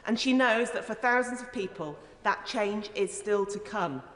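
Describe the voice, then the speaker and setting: A woman's voice: medium pitch, animated, normal speed, fairly bright tone. A woman, a member of parliament, giving an earnest, emphatic and rhetorical speech in a formal parliamentary debate. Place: large indoor parliamentary chamber. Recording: echoey, reverberant debating chamber.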